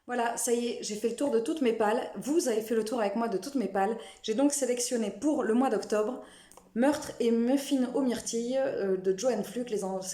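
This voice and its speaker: Young woman, mellow voice, book vlogger who teases herself, in an echoey room. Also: a little high. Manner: chatty, self-mocking, with many restarts. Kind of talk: casual chat to camera.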